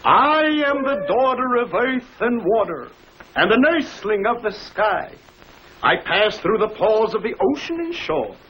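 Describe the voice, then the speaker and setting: An actor playing a teasing husband in an old broadcast comedy, hamming it up with mock-grand theatrical sarcasm. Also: male voice, sits high, sing-song, a little slow, fairly bright tone, dull audio, full character voice. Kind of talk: old-time broadcast comedy-drama acting. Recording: faintly noisy vintage broadcast recording.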